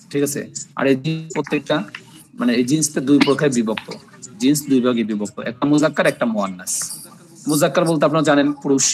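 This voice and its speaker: A man's voice: medium pitch, low-quality recording. Male online Arabic tutor from Bangladesh, patient drill-style delivery, checks in with students often. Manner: repetitive drilling, asks "ঠিক আছে?" often. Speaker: Arabic language teacher. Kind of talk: online class lecture.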